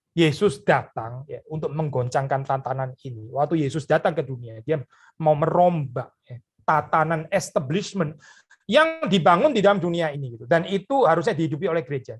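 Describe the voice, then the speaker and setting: A man's voice: fairly high pitch, slightly rough. A pastor preaching a sermon in an earnest, conversational way, addressing his listeners directly, tagging phrases with short asides and mixing in English words.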